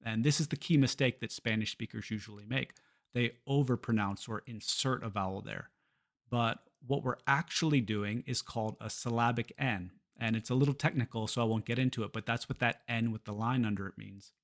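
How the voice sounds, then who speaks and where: A man giving a scripted pronunciation lesson. He switches between Spanish and English and repeats example words slowly and clearly. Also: mid-range voice. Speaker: pronunciation teacher.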